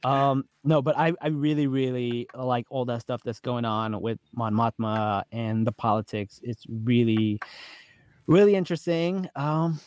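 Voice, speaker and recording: A man's voice: mid-range voice, unhurried, darkish tone, smooth. A man co-hosting a casual podcast chat, enthusiastic and slangy, laughing often. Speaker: podcast co-host.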